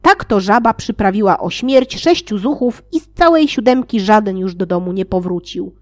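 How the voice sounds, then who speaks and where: A woman reading a fairy tale aloud, playful, with sarcastic asides and loudly acted quotes. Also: lively intonation, normal speed. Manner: reads with sarcastic asides and laughs; acts out shouted quotes with raised pitch. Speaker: audiobook reader.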